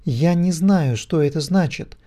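A man's voice: fairly high pitch, a little slow, dark tone, voice pushed up, lightly acted. A man voicing a desperate, pleading old woman priestess in an audiobook, crying out in fervent pleas. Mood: urgent.

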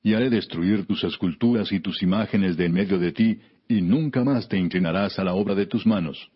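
A man narrating scripture as a scripted reading, in a solemn, measured, declamatory biblical manner, on a dull recording. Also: low-pitched, slightly rough. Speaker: Bible narrator.

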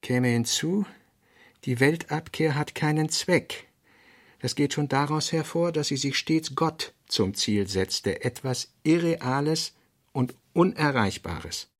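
In a literary radio play, a male actor with a fairly high voice plays a brooding thinker. He works through sketched notes in halting, pensive fragments broken by emphatic bursts.

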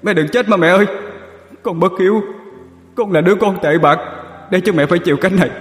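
A man voicing the grieving ghost of a young son, wailing and pleading in a high strained voice in an audio story. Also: fairly quick, roomy sound, big-room sound, lightly acted.

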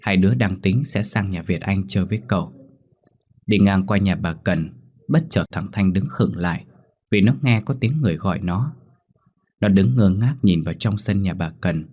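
A man narrating a ghost story in a steady, somber manner. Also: deep voice, moderate pace. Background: faint music.

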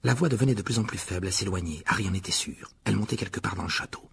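A man reading a novel aloud as audiobook narrator, lively storytelling. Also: low-pitched, very fast, vocal fry, a little hiss or hum. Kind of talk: scripted narration.

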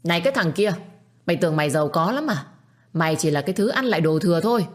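A woman's voice: on the low side, lively intonation, fast talker. A woman voicing a spiteful middle-aged stepmother who screeches insults and taunts. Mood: scolding.

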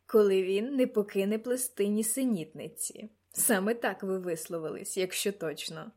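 A woman reading an audiobook, voicing a genial male doctor with a dry, amused courtesy in a slightly lowered voice. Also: normal speed, mellow, close to an everyday voice. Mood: wry amused. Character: genial middle-aged male doctor, wry.

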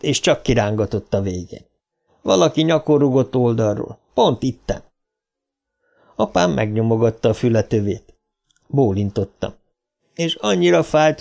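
A man narrating an audiobook in a measured, first-person storytelling manner. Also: mid-range voice, creaky, a little mellow.

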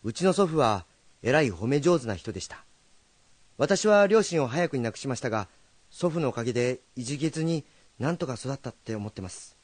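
An actor playing a young, earnest rakugo storyteller who is direct and meddling but kind. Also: male voice, medium pitch, fairly quick, no echo, close to an everyday voice. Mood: calm. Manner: animated, direct speech.

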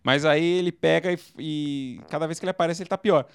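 A man from Brazil co-hosting a casual late-night chat show, telling animated stories and bursting into movie-style screams. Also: a little high, quick pace, creaky, clear, resonant tone, dry recording, clean studio sound. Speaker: podcast co-host.

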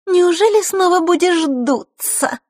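A woman's voice: extremely high pitch, sing-song, a little slow, no echo, studio quality, pitched above the performer's own voice, full character voice. A woman voicing a spiteful teenage girl who mocks in a singsong, sneering tone. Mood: mocking.

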